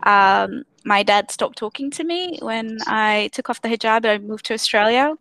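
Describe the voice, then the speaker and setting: A woman's voice: a little high, normal speed, fairly bright tone, no echo. Young woman from Tanzania, earnest testimony over a video call, dry close sound. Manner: earnest, many fillers and restarts. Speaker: activist speaker on a live stream. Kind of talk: personal testimony on a live stream.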